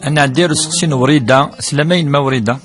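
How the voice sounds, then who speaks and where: A man's voice: medium pitch, over music. A man answering listeners' questions on a live call-in radio show, greeting each caller by name. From Algeria. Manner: brisk, reads out callers' names and greets them. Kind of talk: live call-in religious advice.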